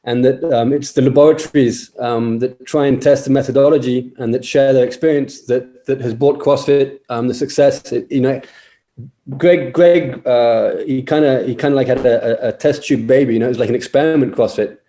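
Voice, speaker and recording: A man's voice: medium pitch, fairly even intonation, moderate pace, mellow. A man in his forties, a podcast guest, talking casually and hesitantly, with many fillers and repeated words. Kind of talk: casual interview chat.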